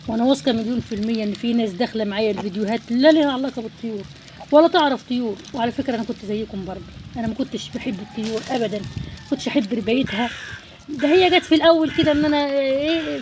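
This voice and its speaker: A woman with an Egyptian Arabic accent chatting to her viewers about raising poultry, heartfelt and direct. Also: fairly high pitch. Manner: warm, heartfelt, talks straight to her audience. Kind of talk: casual chat to viewers. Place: rooftop. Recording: background noise.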